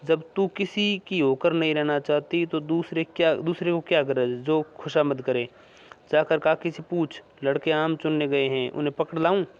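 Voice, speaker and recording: A man's voice: fairly high pitch, steady tone, moderate pace, clean tone, natural voice. A man voicing an irritable, troubled young village man in a read-aloud story. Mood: curt. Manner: terse, irritable. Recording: dull lo-fi recording.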